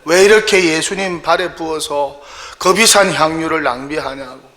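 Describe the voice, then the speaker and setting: Gravelly korean pastor guy preaching in church, punchy, keeps asking questions. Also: fairly high pitch, pushed and bright, slight background noise. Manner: emphatic, rhetorical questions. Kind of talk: sermon.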